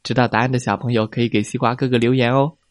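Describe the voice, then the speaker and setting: A young adult man narrating a children's story in a gentle, clear way, speaking to children. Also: medium pitch, level tone, quick pace, dry recording, clean studio sound.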